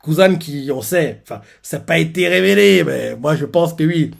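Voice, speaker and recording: A man's voice: fairly high pitch, lively intonation, gravelly. Young man recapping with many hesitations. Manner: hesitant, filler-heavy retelling with many pauses. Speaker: manga reaction streamer. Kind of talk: casual live chapter recap.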